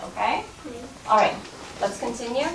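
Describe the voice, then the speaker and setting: An American woman teaching a first grade phonics lesson, patient and encouraging, stretching out words slowly for a child to repeat. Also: a little high, gravelly. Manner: patient, encouraging, slow drawn-out modeling of sounds. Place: classroom. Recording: echoey room, voice from some distance, noisy.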